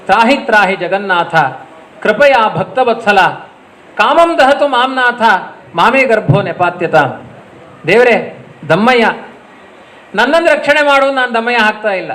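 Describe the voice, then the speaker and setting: A man's voice: sits high, animated, normal speed, pauses often, fairly bright tone. A man in a sermon voicing a desperate pregnant princess begging a god for help, chanting a prayer.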